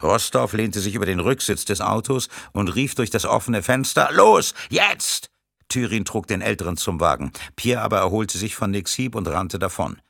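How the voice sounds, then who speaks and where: A man reading a thriller audiobook in a steady, measured narration. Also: lowish voice, gravelly, dry recording, clean studio sound.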